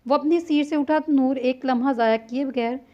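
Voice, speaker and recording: A woman narrates a novel in a steady storytelling voice. Her pitch runs high. The recording is dull and lo-fi. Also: normal speed. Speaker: novel reader.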